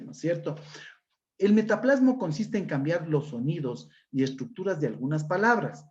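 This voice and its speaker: A man's voice: a little high, dark tone, highs cut off. A male teacher giving an online class lecture, explaining with examples and checking in with "¿no es cierto?".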